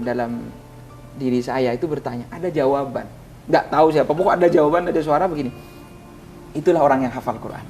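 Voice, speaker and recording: An ustadz, appearing as an interview guest, earnestly recounts an emotional personal story in a darkish tone. His voice climbs high whenever he recalls prayers.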